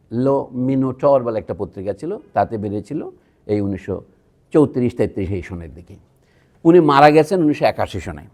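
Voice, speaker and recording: This Bangladeshi lecturer speaks in a warm, mid-range voice at a public talk in a university museum hall. He rambles in a conversational manner and often turns aside to address the audience.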